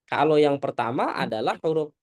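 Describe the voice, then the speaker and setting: A woman teaching Quran recitation in an online lesson over a video call, animated, often asking whether students understand and reciting Arabic slowly. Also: low voice, no room sound.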